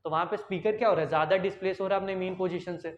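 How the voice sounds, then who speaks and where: A man giving an online science lesson, repeating his own questions and answering them, sometimes dropping quiet or going loud to demonstrate a point. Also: high-pitched, steady tone, racing, echoey room. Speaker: science teacher.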